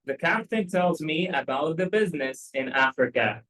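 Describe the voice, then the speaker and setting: A man with an Egyptian Arabic accent teaching English, who reads story lines slowly and then explains them in quick Arabic with repeated check questions. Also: a little high, animated, pushed and bright, poor audio.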